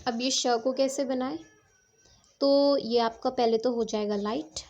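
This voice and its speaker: A woman's voice: high voice, fairly even intonation, a little slow, darkish tone, lo-fi sound. A woman teaching shorthand strokes step by step, patiently checking that her students follow. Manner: patient, repeats "ठीक है" to check understanding. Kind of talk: step-by-step classroom explanation.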